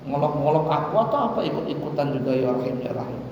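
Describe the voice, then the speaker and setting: A man voicing a simple, excitable Bedouin villager who protests bluntly in a raised, exclamatory voice. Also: lightly acted. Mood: indignant. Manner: high-pitched, exclamatory, quick protesting. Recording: echoey hall, far from mic, faint rumble.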